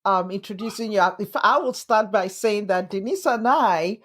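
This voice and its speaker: A woman's voice: medium pitch, normal speed, fairly bright tone. Encouraging woman podcast host. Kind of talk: podcast interview.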